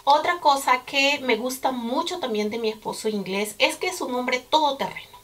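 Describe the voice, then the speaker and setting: Peruvian lady vlogging, kinda high voice, chatty, repeats stuff for emphasis. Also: normal speed, fairly bright tone, a little hiss or hum. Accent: Peruvian Spanish. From Peru. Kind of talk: casual chat to camera.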